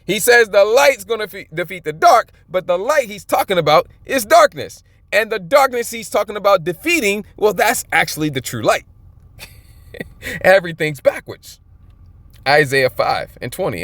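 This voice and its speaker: A male preacher delivers a sermon, reading scripture and breaking in with emphatic, colloquial asides and soft chuckles. His voice sits high and swoops widely in pitch, and the recording is dry and close with no room sound. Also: big pitch swings, moderate pace, dry recording.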